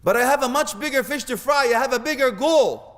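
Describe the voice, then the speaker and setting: A man with a notably high voice delivers a sermon, mixing humor and acted-out scenes with Arabic phrases. His voice rings out with a long reverb, as if filling a large hall. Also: a little fast, a bit bright. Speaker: preacher. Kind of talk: animated Islamic sermon.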